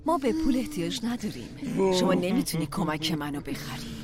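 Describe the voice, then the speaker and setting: An actress playing a caring wife in a dubbed film, gently soothing a distressed man. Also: lowish voice, expressive, natural voice. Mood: firm. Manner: soothing and motherly, then firm. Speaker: wife caring for her husband. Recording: loud film score behind the voice.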